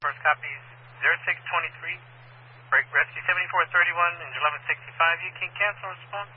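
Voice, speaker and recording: A man's voice: fairly high pitch, quick pace, a little hiss or hum. A man working as an emergency dispatcher, reading out terse call codes and numbers over police radio. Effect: police radio transmission. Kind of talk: clipped radio dispatch traffic. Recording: tinny distant radio transmission.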